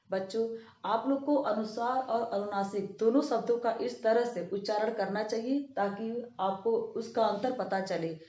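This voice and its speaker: A woman teacher explaining a grammar lesson to children, patiently repeating each rule and slowly spelling out example words. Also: medium pitch, mellow. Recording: echoey room, dull lo-fi sound.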